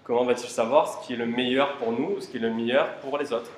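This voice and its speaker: Casual French-speaking tech conference speaker. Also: male voice, mid-range voice, fairly even intonation, quick pace, a little hiss or hum. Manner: casual, rhetorical questions, fillers like "quoi" and "ben". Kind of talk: informal tech conference talk. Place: conference room. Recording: roomy hall with faint ambience.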